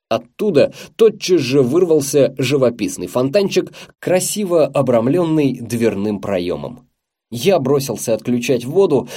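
A man reads an audiobook in a calm, dry storytelling voice. His tone is mellow and dark, and his intonation rises and falls in a lively way. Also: mid-range voice. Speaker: audiobook narrator. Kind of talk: audiobook narration.

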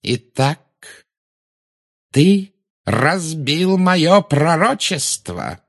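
Voldemort, a cold, menacing dark lord, as a man reads him. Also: medium pitch, lively intonation, voice pushed up. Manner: slow, silky, menacing.

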